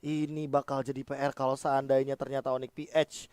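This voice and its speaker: A man with an Indonesian accent giving excited esports match commentary. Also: mid-range voice, fairly quick, clean tone, dry recording.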